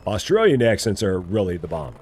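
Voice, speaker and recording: Over faint background music, a man with a General American accent from Midwest Illinois chats casually while playing on a live game stream. His low, slightly mellow voice moves fairly quickly with big pitch swings, and he repeats himself and teases playfully.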